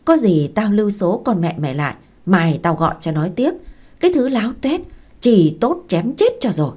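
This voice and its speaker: A woman voicing a gruff, foul-mouthed older woman who runs a restaurant, speaking in a loud scolding way. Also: medium pitch, sing-song, normal speed. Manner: loud scolding, rough and blunt.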